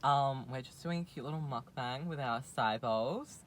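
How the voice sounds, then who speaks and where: A man's voice: medium pitch, moderate pace, slight background noise. A young man, casually chatting and rambling through a story, full of fillers. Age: young adult. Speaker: vlogger. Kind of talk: casual chat.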